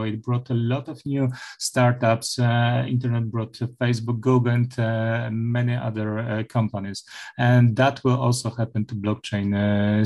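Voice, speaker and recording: Middle-aged male professor, halting interview answers full of fillers. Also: medium pitch, a little mellow. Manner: hesitant, many filler sounds and restarts. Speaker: university professor, interview guest.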